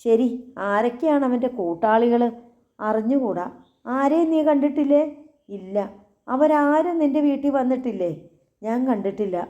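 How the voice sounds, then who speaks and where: A cold, menacing older gang boss , as a woman narrator puts him on, pressing his questions in a low, measured way. His tone stays dark and mellow, and the audiobook recording sounds slightly dull. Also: lively intonation, lightly acted. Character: menacing older male boss, coldly interrogating.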